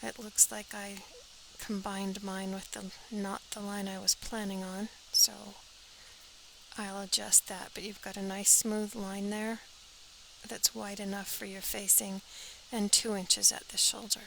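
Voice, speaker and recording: A woman's voice: mid-range voice, level tone, measured pace, gravelly, sharp tone, a little hiss or hum, rough recording. A woman teaching a step-by-step sewing pattern drafting tutorial, practical and talking as she works, often dropping to an airy half-whisper.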